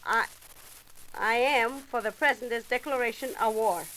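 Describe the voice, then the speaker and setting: A woman's voice: on the high side, normal speed, background noise. A woman, a housewife giving a hesitant but emphatic street-interview statement. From Greece.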